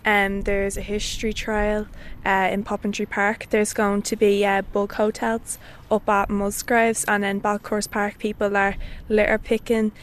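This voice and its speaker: A woman's voice: mid-range voice, completely flat delivery, measured pace, a little hiss or hum. A woman with a Dublin Irish accent, giving a casual interview as a community volunteer.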